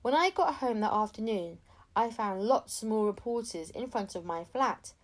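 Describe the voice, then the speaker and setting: Animated and a little high in pitch, a woman narrates a children's story as an audiobook reader at normal speed, bringing expression to it and acting out the characters' dialogue.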